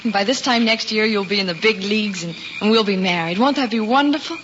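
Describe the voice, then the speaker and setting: An actress playing a hopeful, affectionate young fiancée in an old radio drama, earnest and insistent. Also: female voice, medium pitch, fast, natural voice. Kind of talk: mid-century radio drama acting. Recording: muffled old broadcast, background noise.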